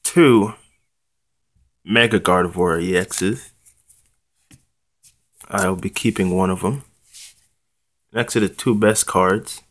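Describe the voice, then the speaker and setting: Slow, low-voiced young man, laid-back. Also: fairly even intonation, fairly bright tone. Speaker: trading card channel host. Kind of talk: casual unboxing vlog talk.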